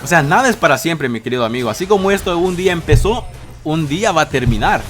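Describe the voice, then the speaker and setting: A man's voice: a little high, expressive, fast talker, fairly bright tone, faint music behind. A young man in his twenties answering viewer questions in a casual vlog from his bedroom, swearing often and breaking into dramatic outbursts. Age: 20s. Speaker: youtuber.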